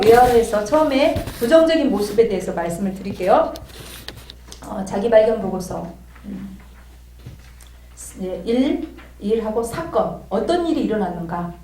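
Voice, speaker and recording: A woman teaching a church theology class, telling a personal story and acting out the dialogue with lively energy. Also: medium pitch, slight background noise. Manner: animated storytelling, acts out quoted dialogue. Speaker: theology lecturer. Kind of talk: church lecture with personal example. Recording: roomy, distant mic.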